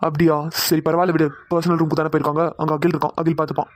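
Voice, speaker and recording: A woman's voice: low-pitched, flat delivery, racing, no room sound, clean studio sound, close to an everyday voice. A woman doing a teasing young male boss. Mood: matter-of-fact. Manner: playful, teasing, bossy. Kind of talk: cartoon voice acting.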